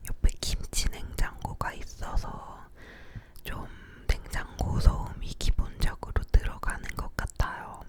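A young woman whispering a casual ASMR chat, leaning in very close to the microphone with soft, unhurried murmuring. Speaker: ASMR video creator. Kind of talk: whispered ASMR chat about daily life. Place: living room at home. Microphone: close to the mouth, ear-to-ear.

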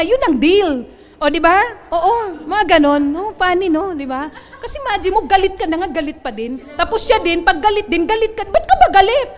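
A woman giving a lively, joking motivational training talk to a live audience. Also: very high voice. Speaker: training speaker.

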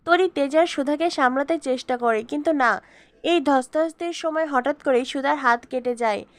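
A woman reading a scripted story recap in an even, steady way. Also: sits high, moderate pace, no echo. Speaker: narrator.

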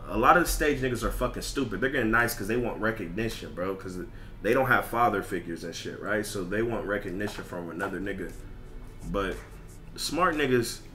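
A gaming streamer with a fairly low, sharp voice rants casually over gameplay on a livestream. He's blunt, emphatic and repetitive, packing in slang and swearing.

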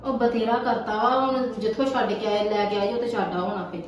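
A woman plays an irritable, annoyed wife in a family drama, grumbling and scolding sharply about household money. Her voice is on the high side, steady and a little fast, close to an everyday voice. The distant mic picks her up off-mic in an echoey room with faint noise.

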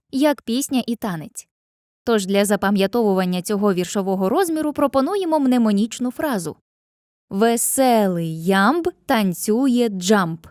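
Woman, scripted lesson narration, clear delivery, dry close sound, mid pitch. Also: dark tone, no echo. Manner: clear, addresses the viewer directly, chants rhymes slowly. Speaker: teacher.

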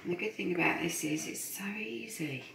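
A woman's voice: on the low side, expressive, brisk, gravelly, recorded from a distance, noisy background. A middle-aged woman giving a casual, encouraging cooking demonstration in her home kitchen while she mixes batter. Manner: chatty, encouraging, talks while whisking. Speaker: support worker cooking host. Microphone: phone camera at a distance. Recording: echoey kitchen, voice from off-mic. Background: clinking bowls and utensils.

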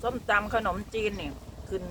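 A woman's voice: moderate pace, noisy background. A woman with a Northeastern Thai Isan accent chats casually to viewers while eating, her mouth full at times. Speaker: vlogger. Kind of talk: casual mukbang chat to viewers.

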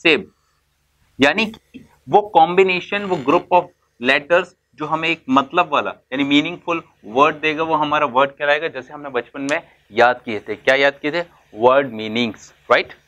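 Speaking in a slightly high, bright voice with a forceful tone, a man leads a classroom-style lesson on basic English vocabulary, the sound lo-fi. He weaves English words into Hindi, answers the questions he poses, and slowly draws out words to emphasize them.

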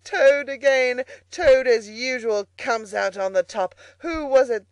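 A storyteller voicing a conceited, excitable fat male toad from a storybook, exclaiming in a boastful, dramatic way. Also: high voice, a little slow, smooth, no room sound. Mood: gleeful, boastful. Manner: boastful, exclamatory, swings from crowing to lamenting.

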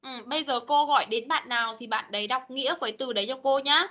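Patient woman teacher, high bright voice, drilling words over a video call. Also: lo-fi sound. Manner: patient, corrective, models words slowly. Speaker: English teacher. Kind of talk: online class pronunciation drill. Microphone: computer mic on video call.

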